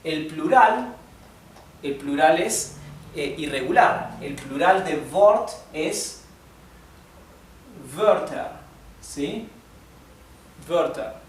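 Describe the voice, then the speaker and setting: A man teaching German grammar in Spanish, slowly pronouncing the words and checking in with his class. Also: fairly high pitch, animated. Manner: checks in often with "¿sí?" and "¿bien?"; slow, careful demonstrations of German words. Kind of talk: classroom lesson explaining grammar. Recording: echoey room, mic some distance off, faint noise.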